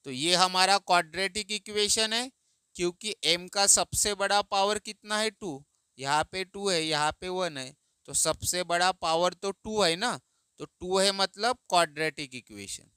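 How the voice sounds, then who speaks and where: A man teaching math in Hindi, explaining slowly and patiently, asking and answering his own questions. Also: sits high, bright, forceful tone, clear, resonant tone, no echo, studio quality.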